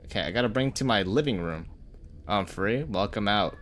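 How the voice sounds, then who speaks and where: Lively cursing game streamer man. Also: fairly low pitch, normal speed. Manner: chatty, cursing, greets chat between reactions. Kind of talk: live game stream commentary.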